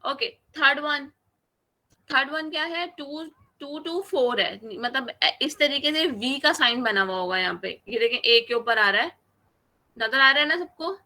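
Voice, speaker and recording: Woman, online language teacher, high, very bright, slow, patient drawn-out demonstrations. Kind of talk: online class lesson. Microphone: video call.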